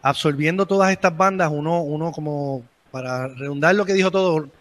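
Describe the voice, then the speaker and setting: A man's voice: on the high side, brisk. A man with a Puerto Rican accent, a band member talking casually in an interview, full of restarts and fillers. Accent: Puerto Rican Spanish. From Puerto Rico. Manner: rambling, many restarts and fillers.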